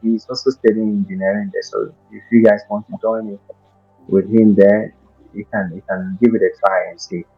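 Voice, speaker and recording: A young man from Ghana speaks with a Ghanaian accent in a very low, husky voice. He talks haltingly as an interview guest, full of fillers and restarts. The audio is dull and lo-fi. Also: flat delivery, soft background music. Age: 20s. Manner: hesitant, many fillers and restarts. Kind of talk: casual interview.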